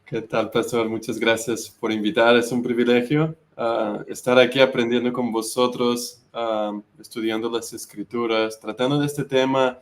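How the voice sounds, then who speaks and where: A man with a Spanish accent from Spain, a pastor, speaking in a conversational church discussion, hesitant with many drawn-out fillers. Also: medium pitch, flat delivery.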